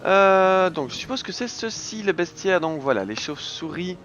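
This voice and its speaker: A man's voice: high-pitched, animated, moderate pace, a bit bright, muffled recording, soft background music. A man hosting a casual let's play, reading the game's text aloud and tossing in dry little asides. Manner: reads game text aloud with dry quips. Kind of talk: casual gameplay commentary.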